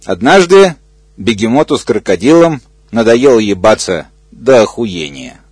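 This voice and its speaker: A man's voice: mid-range voice, animated, moderate pace, darkish tone, slightly rough, dry recording. A man reading an obscene comic story aloud in a matter-of-fact way. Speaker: reader.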